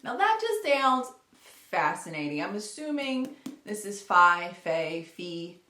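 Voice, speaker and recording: A book vlogger talks casually to camera in an echoey, roomy home recording, her mid-range voice sing-song, slow and sharp-toned. She chats and rambles about books, often correcting herself along the way.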